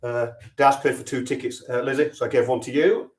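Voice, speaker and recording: A man's voice: medium pitch, fairly even intonation, fairly quick, distant mic. A man hosting a sweepstake draw in a casual, chatty way with dry, offhand humour. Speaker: sweepstake host. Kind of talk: casual live draw commentary. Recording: echoey room, voice off-mic.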